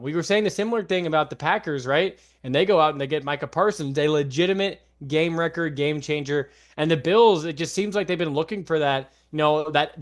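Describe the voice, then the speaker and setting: A young man co-hosting a sports podcast, talking casually and animatedly about football. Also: on the high side. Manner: animated, mocks fans in loud shouted bursts. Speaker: podcast co-host.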